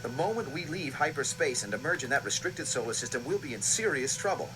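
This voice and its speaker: An actor playing a dutiful, worried starship captain in a radio drama, formal and forceful. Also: male voice, a little high, expressive, fast talker, natural voice, low-quality recording. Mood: grave, concerned. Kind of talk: 1980s radio drama acting. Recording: music and battle effects behind.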